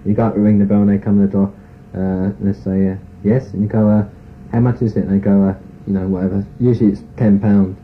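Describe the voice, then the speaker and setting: A man's voice: on the low side, flat delivery, quick pace. A man, giving a frank, rambling personal account in an interview, full of "you know" and "sort of". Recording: tinny phone-like tape recording with faint hiss.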